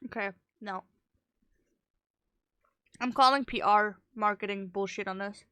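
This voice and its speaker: A woman's voice: mid-range voice, a little slow, a bit bright, faint music behind. A woman streamer giving casual, skeptical reaction commentary in a blunt, wry way.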